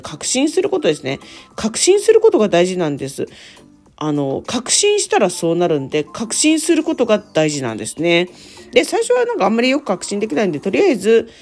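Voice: medium pitch, a little mellow. A spiritual podcast host talking casually in a playful, upbeat way, now and then chanting cheerful refrains.

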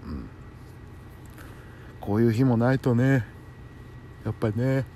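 A man's voice: mid-range voice, animated, unhurried, dark tone. A man chatting casually and alone as the host of a bedtime talk show, musing to himself in a polite, conversational way. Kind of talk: casual solo chat. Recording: faint background noise.

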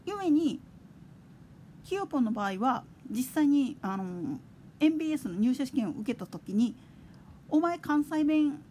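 A woman's voice: a little high, very animated, normal speed, a little hiss or hum. A woman hosting a casual solo chat radio show, talking in a chatty, digressive way. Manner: chatty, digressive, with soft laughs. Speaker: podcast host.

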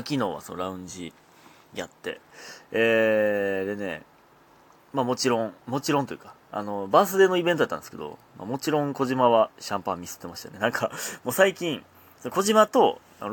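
A man with a Kansai accent hosting his own casual solo talk show, chatty and often laughing as he talks. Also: fairly low pitch. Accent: Kansai Japanese. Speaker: comedian podcast host.

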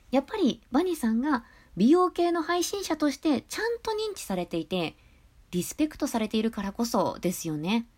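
Peppy, high-spirited woman podcaster. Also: a little mellow. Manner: high-energy and chatty. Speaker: podcast host and voice creator. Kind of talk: casual solo talk.

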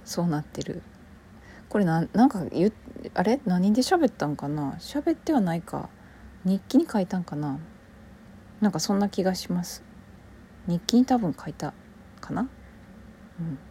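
Mellow Kansai woman, rambling soft chat. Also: fairly low pitch, moderate pace, long pauses, slight background noise. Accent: Kansai Japanese. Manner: relaxed and rambling, often dropping to a soft near-whisper. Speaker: actor hosting her own solo audio show. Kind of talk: casual solo podcast chat.

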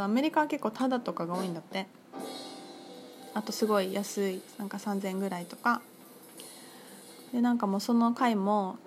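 A woman talking casually on her own about her crystal shop, chatty and full of fillers, lively when she quotes others. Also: medium pitch. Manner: chatty, filler-heavy, animated quoting. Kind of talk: casual solo talk. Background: music.

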